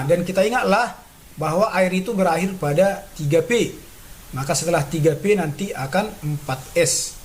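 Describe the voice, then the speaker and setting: A man teaches chemistry in a patient classroom manner, walking through each step and checking in often. His voice sits a bit high for a man. A faint noise runs under the recording. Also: rough recording. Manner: patient, repeats steps, frequent "ya" and "nah" checks. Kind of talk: classroom lesson explaining on a board.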